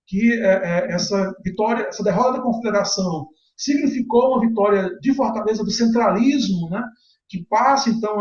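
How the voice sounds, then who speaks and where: A high-voiced man hosts an academic live stream, posing questions and ending many phrases with a quick tag question. He sounds like he is in a roomy, echoey space, and the call audio is dull and lo-fi. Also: a little mellow. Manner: asks questions, adds frequent tag questions. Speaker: host and interviewer.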